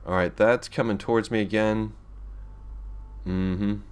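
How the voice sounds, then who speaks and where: A man with a slightly low voice chats his way through a spaceflight game. His talk is loose and rambling, full of restarts and small laughs. It sounds like casual let's play commentary. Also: steady tone, measured pace, clear, resonant tone. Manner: rambling and chatty, with frequent restarts and chuckles.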